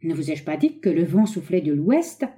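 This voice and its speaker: A woman reading an audiobook, voicing a ruthless, scheming young man who speaks in an urgent, forceful, raised voice. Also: low-pitched, big pitch swings, normal speed.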